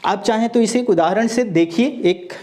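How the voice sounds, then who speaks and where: A man teaching Hindi grammar in an exam-prep lecture, explaining slowly and repeating each point, reciting verse lines with careful stress. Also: high-pitched, a little mellow.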